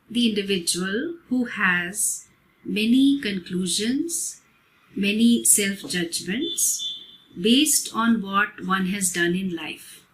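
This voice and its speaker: Slow, measured woman giving a spiritual talk. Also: mid-range voice, fairly bright tone, rough recording. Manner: measured, explanatory, unhurried. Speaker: spiritual teacher.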